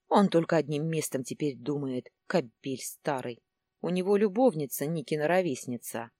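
Woman reading a bitter scolding mother, husky low voice, swooping. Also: darkish tone, no room sound, heavily acted. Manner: resentful, scolding. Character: bitter middle-aged mother, quarrelsome wife.

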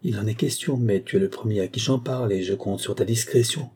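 A man voicing a gentle, teasing young village woman, lifting his voice slightly for her lines. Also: lowish voice, a little fast, breathy edge.

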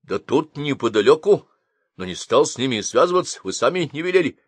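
A man's voice: mid-range voice, very animated, fairly quick, slightly rough, dry recording, pitched above the performer's own voice. A man voicing an eager young male helper who speaks matter-of-factly.

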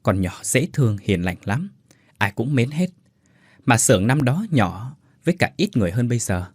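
A blunt female factory worker, as a man puts her on, bossy at first, then tearful, her voice slightly husky and rising and falling widely. She speaks up close in a dry, quiet space. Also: mid-range voice, big pitch swings, normal speed, no echo. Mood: sorrowful. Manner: bossy, scolding, then choked up.

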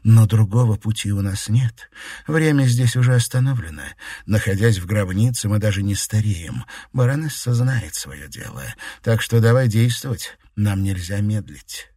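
A man's voice: on the low side, expressive, normal speed, mellow, breathy edge, dry recording, clean studio sound. A man voicing a determined sorceress in an audiobook, speaking in a raised, intense way. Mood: urgent. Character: determined sorceress, woman, defiant and passionate. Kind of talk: audiobook character voice.

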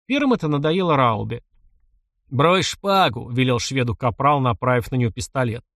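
A man narrating an adventure novel in an even storytelling voice. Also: mid-range voice, quick pace, dry recording, clean studio sound. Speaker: audiobook narrator. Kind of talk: scripted narration.

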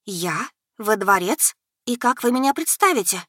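A woman voicing a lively, caring young heroine with eager, animated speech. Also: medium pitch, a little fast, no room sound, clean studio sound, lightly acted.

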